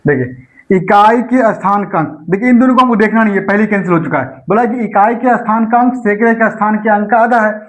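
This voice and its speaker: A man with a high-pitched voice walks students through maths exam problems in an online lecture. He works each step aloud, repeats numbers slowly as he goes, and keeps asking the class rhetorical questions. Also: poor audio. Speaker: maths teacher.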